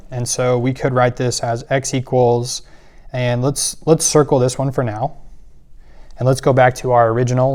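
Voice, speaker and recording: A man teaching a math lesson, walking through worked examples step by step with occasional fillers. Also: mid-range voice. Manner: steady step-by-step explaining with fillers.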